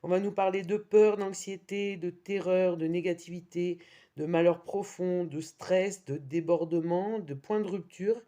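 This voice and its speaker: A woman's voice: lowish voice, fairly even intonation, unhurried, mellow. Chatty woman reading tarot. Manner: chatty, reads card meanings aloud with wry asides. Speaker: tarot reader.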